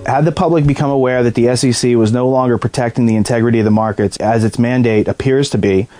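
A man's voice: mid-range voice, fairly even intonation, fast talker, warm tone, soft background music. A man giving long, earnest interview answers as a whistleblower, often restarting mid-sentence. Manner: long run-on explanations with repeated restarts.

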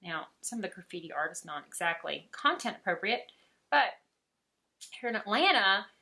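Chatty Southern woman with a bright voice. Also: mid-range voice, moderate pace. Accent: Southern American. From Alabama. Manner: chatty, laughing often, animated. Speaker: art teacher. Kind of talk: casual chat while painting.

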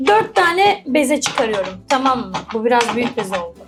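A woman's voice: on the high side, sing-song, normal speed, music in the background. A woman co-hosting a casual home cooking vlog, playful and teasing, often laughing as she chats. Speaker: co-host of a couple's cooking channel. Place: home kitchen.

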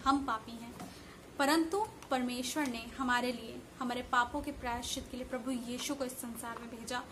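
A woman's voice: high-pitched, fairly bright tone, a little hiss or hum. A young woman from India sharing a devotional Bible reflection in an earnest, preaching way, recorded indoors on a close camera. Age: young adult. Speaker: parish member sharing a Bible message. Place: room indoors with curtains and flowers.

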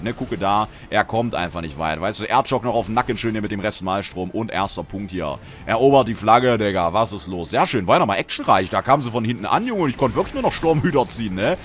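A young man talks over his gameplay at a desk mic. His pitch jumps around a lot as he reacts to the match. He throws in slang and sudden loud shouts. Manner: excited slangy banter, quick outbursts. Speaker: gaming channel host. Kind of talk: Let's Play commentary.

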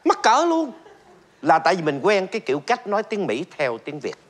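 A man's voice: on the high side, big pitch swings, fast talker, slight background noise. A middle-aged man, hosting a talk show in a chatty, joking way full of fillers and repeats. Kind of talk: casual stand-up style monologue.

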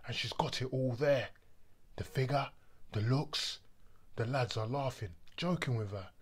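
A brooding pub bouncer, acted by a middle-aged man, delivers a dramatic stage monologue. His voice is husky and mid-pitched. He takes his time over each phrase, with violent anger simmering underneath. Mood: brooding, uneasy. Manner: deliberate bouncer's storytelling, breaking into shouts.

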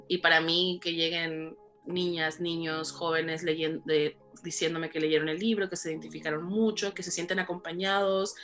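Earnest woman author telling her story. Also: on the low side. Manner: earnest, animated, laughs easily. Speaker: author guest. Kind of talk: personal interview answers.

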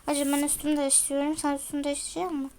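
A woman's voice: sits high, flat delivery, rapid-fire, a little mellow, a little hiss or hum. A woman voicing an impatient older sister in a role-play game, nagging her sibling. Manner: nagging, coaxing.

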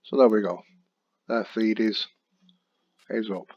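Husky man commenting on gameplay. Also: fairly low pitch, slow, muffled recording. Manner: chatty, jokey, relaxed. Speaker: gaming channel host. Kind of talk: casual game commentary.

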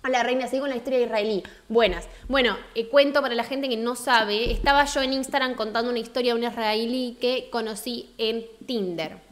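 Young Argentine woman, live-stream host: chatty, slangy, frank, and pitched a little high. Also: fairly quick, few pauses. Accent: Argentine Rioplatense Spanish. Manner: chatty, greets viewers warmly, frank and slangy. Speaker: livestream host. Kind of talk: casual live-stream chat.

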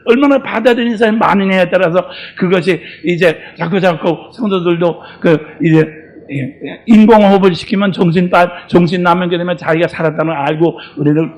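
An older male pastor preaching with a notably high voice. He swings from shouted exhortations to hushed asides, constantly checking in with his listeners. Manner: keeps prodding the listeners with rhetorical questions. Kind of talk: sermon.

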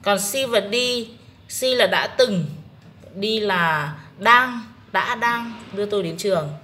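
Slow, methodical Vietnamese woman teacher. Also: medium pitch, lively intonation, sharp tone. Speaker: English teacher. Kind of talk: exam-prep lesson walkthrough.

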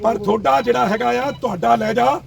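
A high-pitched, gravelly man with a Punjabi accent argues hard at an outdoor protest. He talks quickly, repeating his challenges and accusations without letting up. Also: a crowd in the background. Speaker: politician and lawyer. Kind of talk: heated street argument.

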